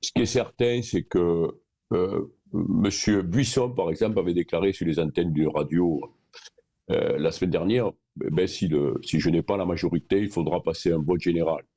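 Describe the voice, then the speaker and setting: A man speaking as a guest, a rugby club president, giving earnest, deliberate opinions with some hesitations. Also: sits low, mellow, breathy edge. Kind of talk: phone-in radio interview.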